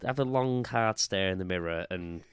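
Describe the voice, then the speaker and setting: A man's voice: low voice, moderate pace, smooth. A man co-hosting a podcast in casual chat, chatty and self-deprecating. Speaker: podcast co-host.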